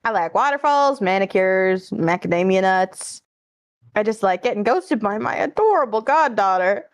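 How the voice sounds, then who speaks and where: A woman's voice: medium pitch, expressive, moderate pace, dry recording, studio quality, natural voice. A woman voicing a smug, worldly lawyer to the rich and infamous in a fan dub, wry and flippant. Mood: breezy, playful. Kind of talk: fan dub character acting.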